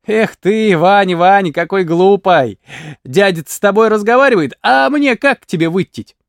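A man voicing a sly peasant aunt who coaxes and scolds in a raised, lively voice. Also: high voice, moderate pace, clean tone, no room sound, studio quality. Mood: coaxing. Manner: coaxing, scolding.

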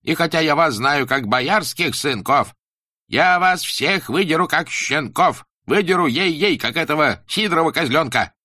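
A male narrator acts out a stern, pompous storybook schoolmaster, pitching well above a plain voice and declaiming loudly with a bright, cutting, gloating tone. The heavily acted character preaches in slow, emphatic, swinging sing-song rhymes, animated throughout, in a close, dry recording.

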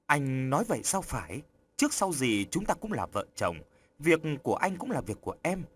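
A man voicing a sweet, trusting young woman in an audiobook story, speaking softly and pleadingly. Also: a little high, big pitch swings, normal speed. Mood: gentle. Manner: soft, pleading. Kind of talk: audiobook character voice.

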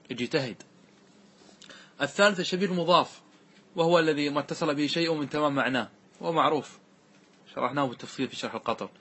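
A man's voice: mid-range voice, fairly bright tone, breathy edge. A man teaching a grammar lesson in a classroom-lecture style, explaining step by step and often checking that his students follow. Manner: recites verses slowly and deliberately.

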